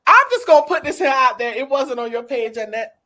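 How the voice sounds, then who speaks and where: A woman's voice: high voice, expressive, brisk, a crowd in the background. A woman co-hosting a talk show, chatting casually and with animation, laughing and calling out to her audience. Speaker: co-host. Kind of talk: casual chat.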